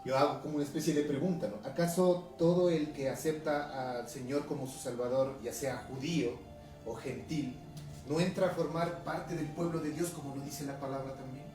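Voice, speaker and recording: A male pastor from Ecuador with a highland Ecuadorian accent, preaching a conversational sermon, reading scripture aloud and often asking his listeners questions. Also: fairly even intonation, normal speed. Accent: Ecuadorian highland Spanish. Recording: echoey room from a distance, music behind.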